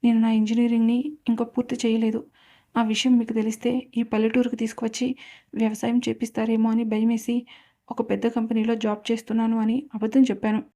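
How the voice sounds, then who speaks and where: A woman voicing a frightened young man in a storybook drama, confessing slowly and hesitantly. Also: on the high side, warm tone, lightly acted.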